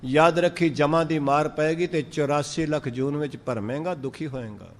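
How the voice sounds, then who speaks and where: A man with a Punjabi accent giving a sermon, drawing out verses slowly and then explaining them in lively speech. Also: on the high side, big-room sound. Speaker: Sikh preacher. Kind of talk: sermon on scripture.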